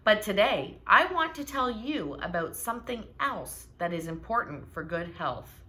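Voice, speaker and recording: A woman's voice: medium pitch, big pitch swings, measured pace. A woman voicing a friendly female bear doctor addressing a school assembly in a storybook read-aloud. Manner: warm, clear speech to children.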